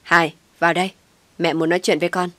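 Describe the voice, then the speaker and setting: A woman's voice: on the low side, flat delivery, quick pace, no echo, natural voice. A woman voicing a stern scolding older mother. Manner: shouting, scolding harshly. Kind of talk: audio story reading.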